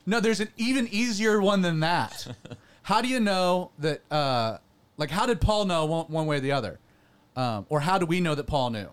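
A man with a fairly high voice teaches scripture in a relaxed, conversational way. He reads passages aloud and breaks off for asides, often clearing his throat. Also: normal speed. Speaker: radio show host teaching scripture. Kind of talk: casual Bible teaching talk.

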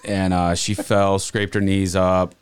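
A man from Montana, a podcast guest telling relaxed, rambling stories from his childhood in casual chat. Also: low-pitched, takes it slowly, clean tone. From Montana, USA.

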